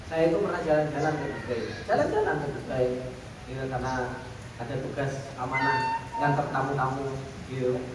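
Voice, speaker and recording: A man's voice: mid-range voice, expressive, brisk, over music. A man giving a religious lecture, asking rhetorical questions and answering them himself. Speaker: Islamic teacher. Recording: echoey room, distant mic, faint noise.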